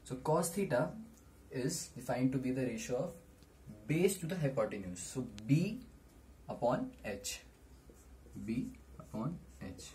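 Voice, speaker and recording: A young man gives a maths lesson in a mid-pitched voice. He explains step by step in short, deliberate phrases. The camera microphone picks up faint noise in a small room. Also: animated, warm tone. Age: teens to young adult. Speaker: maths tutor. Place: small room indoors at a whiteboard.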